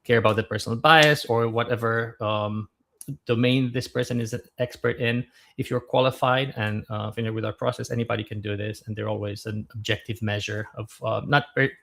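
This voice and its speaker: A man in his thirties from Romania, a guest on a podcast interview, talking in a relaxed, thoughtful way with frequent fillers. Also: medium pitch, normal speed, gravelly. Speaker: guest, startup founder.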